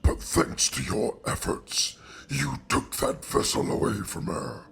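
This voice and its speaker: A man voicing a solemn, ancient godlike oracle who speaks as "we" in a slow, grave storytelling cadence. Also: mid-range voice, vocal fry, fairly bright tone, a little hiss or hum, exaggerated voice. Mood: lofty. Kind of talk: amateur fantasy audio drama.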